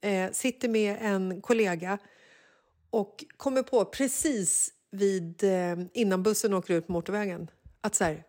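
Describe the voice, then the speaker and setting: A woman in her forties co-hosting a chat show, telling a story with lively energy and acting out what people said in a higher voice. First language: Swedish. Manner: animated storyteller, acts out quotes in a high voice. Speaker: podcast co-host. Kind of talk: casual chat.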